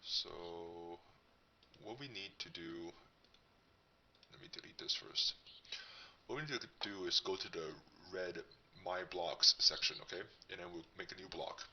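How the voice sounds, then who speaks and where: Male tutorial host, disguised deep voice via voice changer, very sharp and bright tone, casual delivery, a little off-mic. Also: a little slow, far from the mic, a little hiss or hum. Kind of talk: casual coding tutorial narration.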